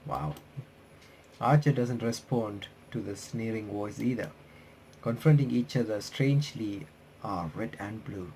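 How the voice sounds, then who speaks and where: Reading visual novel text aloud as a playthrough host, this man adds casual asides and frequently stumbles and restarts his sentences. He has a low, dark voice, and the low-quality recording carries slight background noise.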